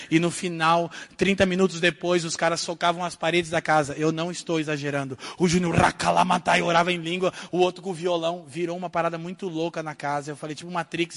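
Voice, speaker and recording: A man from Brazil giving an animated sermon testimony, swinging from hushed asides to loud outbursts. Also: fairly high pitch. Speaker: preacher telling his testimony.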